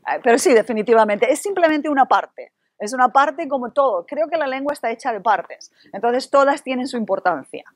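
A woman with a Spanish accent leads a workshop for teachers, lively and playful as she questions the room. Her voice sits a little high. The sound is close and dry, with no room around it. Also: fairly quick, few pauses, no room sound. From Spain. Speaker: university Spanish instructor leading a workshop. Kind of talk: interactive workshop discussion.

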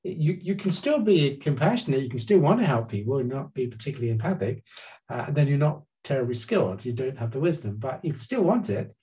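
An older man, a guest psychologist, explains things earnestly on a webcam call from his living room, gesturing with his hands and often restarting his sentences. His voice is medium-pitched and dark, very animated and a little fast. The recording quality is low.

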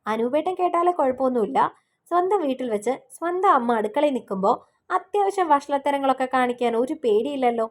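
Brief: playful young woman in an audiobook romance, read by a woman narrator, teasing, fairly high voice. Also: expressive, fast.

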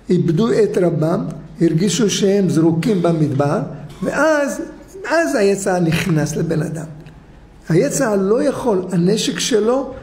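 Rabbi, high voice, emphatic storyteller in synagogue. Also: male voice, a little mellow, reverberant. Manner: storytelling, emphatic, rhetorical questions. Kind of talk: sermon.

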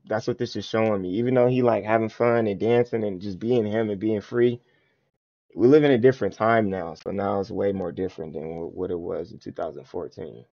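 A man's voice: on the low side, brisk, vocal fry. A man streaming live, chatting loosely and reacting to a music video, with lots of slang and filler questions to his viewers. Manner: loose slangy talk addressed to chat, frequent filler questions. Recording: dull lo-fi stream audio.

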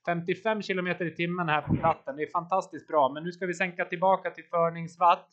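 A man with a fairly high voice coaches his riders live, cheering them on and calling out power numbers. The audio is dull and lo-fi, like a voice-chat stream. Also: fairly even intonation, fairly bright tone. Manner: encouraging, calls out watts and turns. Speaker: team coach.

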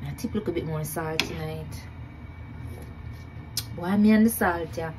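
With a deep voice and measured pace, a young woman with a Jamaican accent talks viewers through a casual cook-along in her home kitchen. Background noise is present, and she often repeats herself and laughs at how she's doing.

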